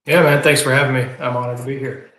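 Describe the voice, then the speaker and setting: A man's voice: medium pitch, little pitch movement, fast talker, fairly bright tone. A middle-aged man with an Appalachian accent, chatting casually as an interview guest. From Kentucky, US. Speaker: podcast guest, business owner. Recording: echoey room.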